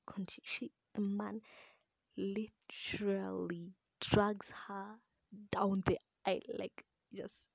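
A young woman whispers her way through a book retelling, ASMR-style, close to the mic. Her breathy whisper carries a gravelly fry and moves slowly, with casual asides and the odd swear. The sound is dry, with no room around it. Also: lowish voice, darkish tone, no echo.

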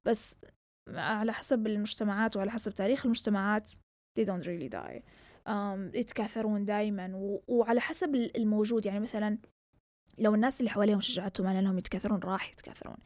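Fast-talking young woman. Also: medium pitch, no room sound. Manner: switches between Arabic and English mid-sentence; animated, rhetorical questions. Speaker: vlogger. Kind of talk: casual monologue.

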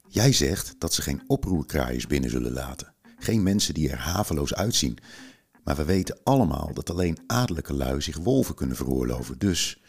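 A man's voice: low voice, darkish tone, slightly rough, heavily acted. A man voicing a brave, determined young girl. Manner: urgent, commanding.

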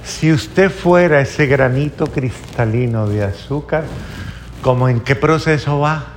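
A man preaching a sermon, earnest and slow, putting questions to the congregation. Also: mid-range voice, a little hiss or hum.

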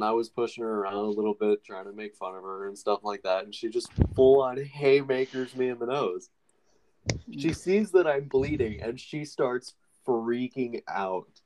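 A man's voice: medium pitch, darkish tone, slight background noise, poor audio. A young man casually telling a long story with many fillers on a podcast. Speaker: podcast co-host.

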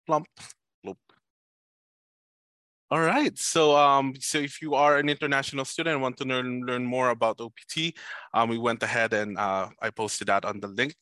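Bright-voiced man hosting an online panel. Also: mid-range voice, no echo. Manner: filler-heavy, loose delivery with playful asides. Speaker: international student coordinator hosting a panel.

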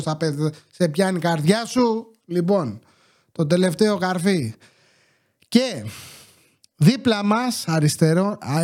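Chatty high-voiced man telling stories. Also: a little mellow. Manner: chatty, joking, complains with mock exasperation. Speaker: podcast host. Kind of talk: casual storytelling monologue.

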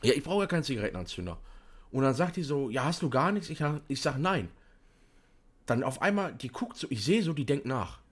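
A young man chatting casually, telling an animated story with lots of fillers and restarts. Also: medium pitch, a little fast, husky. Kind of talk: casual chat.

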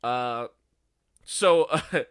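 A man with a bright, forceful voice recaps a film plot in loose, profane, deadpan chat. The sound is close and dry. He talks at a middling pitch for a man. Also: drawn-out words, smooth, dry recording. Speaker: podcast co-host. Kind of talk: casual movie recap chat.

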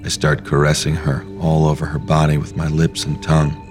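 A man narrating a first-person story in a low, hushed, intimate reading. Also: monotone, brisk. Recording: faint music behind.

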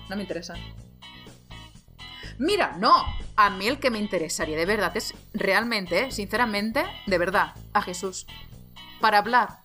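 Joking woman chatting, faint music. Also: medium pitch. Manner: animated, jokey, with many asides and fillers. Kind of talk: casual chat.

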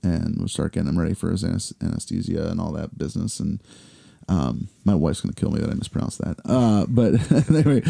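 A man in his forties, a podcast co-host, telling a long story in casual chat with lots of fillers, acting out the people he quotes in higher voices. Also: creaky, mellow. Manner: rambling, filler-heavy storytelling.

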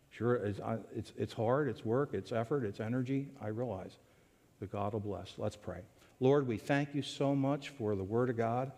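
A man closing a service as pastor with a slow, gentle, earnest prayer. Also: medium pitch. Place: church sanctuary. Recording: reverberant church sanctuary.

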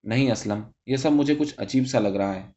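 Man doing a timid young woman, hesitant, trembling, subdued and lower, muffled lo-fi storybook. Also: mellow, close to an everyday voice. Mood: worried. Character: anxious, shy young woman in love.

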